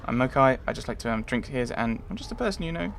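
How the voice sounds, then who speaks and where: A man voicing an anxious, jumpy woman who is short of money, speaking haltingly in a video game. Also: medium pitch, animated, gravelly, fairly bright tone, slight background noise. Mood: anxious, hesitant. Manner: hesitant, halting with ums. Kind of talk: reading out video game dialogue.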